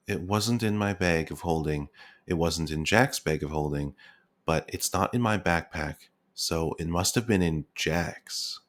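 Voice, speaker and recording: A man's voice: low-pitched, takes it slowly, voice pushed down. A man voicing an anxious adventurer ponderously reasoning things out in a fantasy story. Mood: anxious, deliberate.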